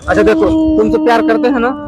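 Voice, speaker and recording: A man's voice: extremely high pitch, quick pace. A man with a Bhojpuri-tinged Hindi accent vlogging outdoors by a river on a phone camera, coaxing his wife and then talking to his viewers. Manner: coaxing, pleading, switching to addressing viewers. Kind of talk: casual vlog to camera. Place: outdoors by a river near a road. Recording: outdoor street noise.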